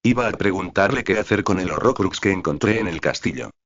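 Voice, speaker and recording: A man reading the lines of a cool, calculating young wizard, calm and measured. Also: sits low. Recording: dull lo-fi audio.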